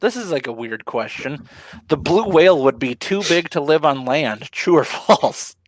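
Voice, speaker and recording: A man co-hosting a casual live stream, relaxed and laughing easily, with plenty of ums. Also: on the high side, normal speed, no room sound. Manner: laid-back, laughs often, many ums. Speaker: co-host of a live ocean talk stream.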